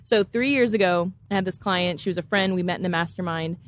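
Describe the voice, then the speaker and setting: A woman guest on a business podcast, telling a story in a lively way and acting out the lines of the people in it. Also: lowish voice, brisk, slight background noise. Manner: animated storyteller, acts out quoted dialogue.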